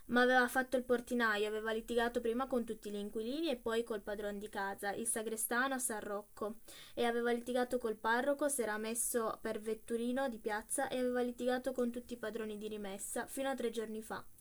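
A woman reading a literary story aloud, expressive and measured. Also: a little high. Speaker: reader.

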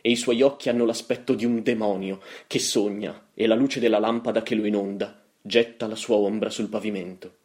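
A man giving a solemn, brooding dramatic reading of a poem, his voice trailing softly at the ends of lines. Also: fairly low pitch, fairly even intonation, a little fast, hardly any pauses. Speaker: reader.

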